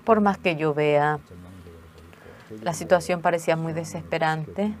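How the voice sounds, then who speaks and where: A woman recounts a personal testimony at an unhurried pace. She speaks earnestly and haltingly, often restarting her words, and her voice sits low for a woman.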